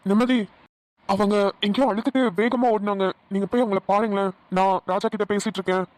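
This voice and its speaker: A woman voicing a gentle young man in love in a cartoon, who talks in a soft, reassuring way with a Namakkal Tamil accent. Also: mid-range voice, fairly even intonation, a little fast, no echo, close to an everyday voice. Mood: soothing.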